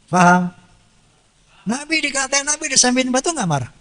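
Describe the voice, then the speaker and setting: A man's voice: extremely high pitch, lively intonation, moderate pace, a bit bright. A man preaching a sermon. He quotes Arabic verses and then explains them, and he often asks a question and answers it himself. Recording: reverberant hall sound.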